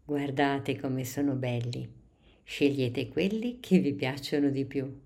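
Woman voicing a gentle storybook teacher, slow and low, warmly encouraging the children. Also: creaky, full character voice. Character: kind female schoolteacher, gentle and encouraging. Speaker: teacher figure.

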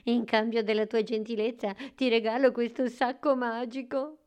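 Woman voicing a high-pitched little elf. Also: little pitch movement, moderate pace, darkish tone, clean tone, lightly acted. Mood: cheerful. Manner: high, theatrical exclamations. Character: small male elf, old-fashioned and grateful.

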